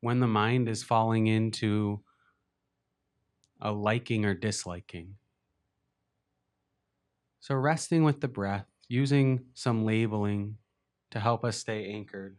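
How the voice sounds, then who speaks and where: A male meditation teacher with a rather low voice leads a guided meditation, speaking gently and without hurry, leaving long pauses between phrases.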